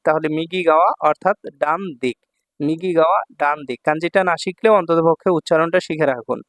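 Male language teacher, slightly high voice, dry recording; patient and repetitive, checks in often. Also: dry recording. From Bangladesh. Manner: patient, repeats each word several times, checks in with the listener. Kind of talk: kanji lesson explained in Bengali.

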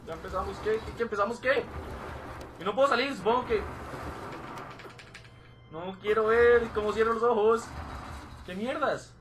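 A man's voice: sits high, moderate pace, pauses often, background noise. A man commentating a horror game, jumpy and joking, swearing often. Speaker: gameplay commentator. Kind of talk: let's play commentary.

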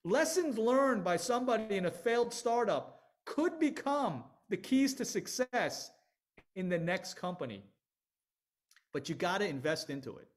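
A middle-aged man with a notably high voice talks through a video call. He speaks with energy and emphasis and often restarts his phrases. The sound has the slight flatness of a webcam microphone. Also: a little slow. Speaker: venture capital panelist. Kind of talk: online panel discussion.

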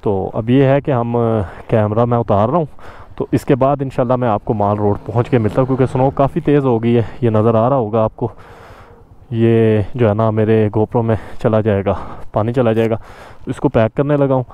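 A man, chatting casually as he vlogs a motorcycle ride through snow, repeating himself and filling pauses. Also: medium pitch, steady tone, clear, resonant tone, narrow, tinny audio. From Pakistan. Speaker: motorcycle vlogger. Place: riding a motorbike outdoors on a snowy mountain road. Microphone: helmet-mounted action camera. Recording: road and wind noise. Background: traffic and wind.

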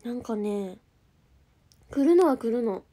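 A young woman with a Kansai accent talks casually on a livestream, her voice sitting a little higher than most. She chats freely, reading out viewer comments and answering them as she goes. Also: animated, slow pace, dark tone. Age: young adult. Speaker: idol group member streaming live.

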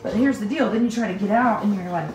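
Quick-paced and darkish in tone, her mid-range voice carries a casual vlog recorded indoors at home, in the kitchen and other household rooms. The woman, in her thirties, thinks aloud to camera in colloquial speech with a little swearing. The recording has echo and noticeable background noise.

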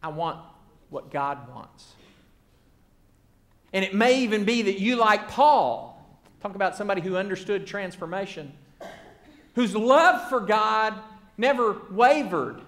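A man preaching a sermon, earnest and rhythmic, building phrases by repetition and often letting them fall to a soft hush. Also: sits high, normal speed.

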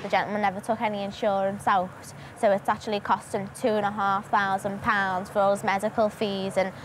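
Woman over clear background noise. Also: medium pitch. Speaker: airline supervisor. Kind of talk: documentary interview talk.

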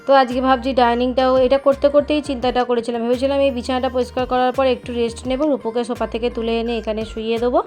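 Woman, thirties, casual voice-over, rambling, slightly high voice, soft background music. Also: little pitch movement, very fast, few pauses. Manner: chatty, rambling, loses her train of thought. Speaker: home cooking vlogger.

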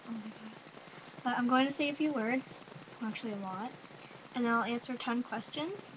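A young woman from Ontario with a Canadian accent talks casually into a webcam at home, her voice sitting a little high. She rambles and hedges with "like" and "I don't know". The webcam recording has a clear hiss of noise behind her. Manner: chatty, rambling, says "like" and "I don't know" a lot. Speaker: vlogger. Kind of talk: casual accent tag video reading a word list.

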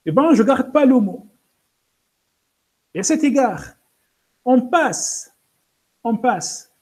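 A man with a high voice leads a live coding lesson. He talks slowly and haltingly, often stopping on fillers and restarts. He speaks straight to his students and stumbles over English words. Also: mellow. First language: French-speaking, pronounces English words poorly. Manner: hesitant, many fillers and restarts; explains step by step, addresses students directly. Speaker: programming instructor.

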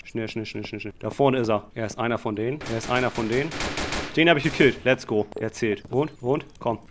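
A man giving excited Let's Play commentary on a game, talking to his viewers as friends, with slangy asides and sudden shouted outbursts. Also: medium pitch, brisk, background noise. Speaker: gaming channel host.

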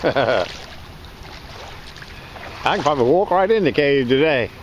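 A man's voice: mid-range voice, unhurried, dull audio, a little hiss or hum. A man wading in shallow water on a beach, chatting casually while he hunts with a metal detector, recorded on a body-worn camera. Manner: relaxed, chatty, laughs often.

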